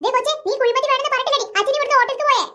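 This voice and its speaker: A woman's voice: very high voice, racing, heavy background noise. A woman voicing a bossy cartoon mother who scolds and hurries her children. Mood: scolding. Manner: scolding, hurrying.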